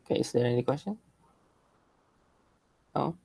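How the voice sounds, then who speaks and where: A man teaching a class over a video call, explaining slowly with hesitations and checking in with his listeners. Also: medium pitch, animated, creaky, a little mellow, no echo. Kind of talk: online class lecture.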